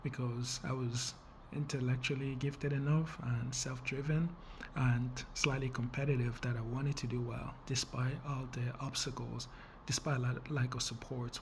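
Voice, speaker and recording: A young man from the Congo, a nonprofit founder, making an earnest, measured funding pitch with some fillers and small restarts. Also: noisy background.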